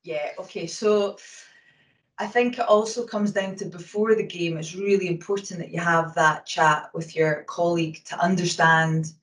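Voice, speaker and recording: A woman with a Scottish accent, a hockey umpire, answering interview questions quickly and casually with lots of fillers. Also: on the low side, steady tone. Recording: roomy sound from a distance from the mic.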